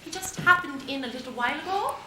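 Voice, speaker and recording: Woman doing a friendly lass, super high and bouncy, echoey hissy tape. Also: animated, quick pace, pushed and bright, exaggerated voice. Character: cheerful young Scottish village woman. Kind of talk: stage musical acting. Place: theater stage. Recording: echoey stage, far mic, hiss.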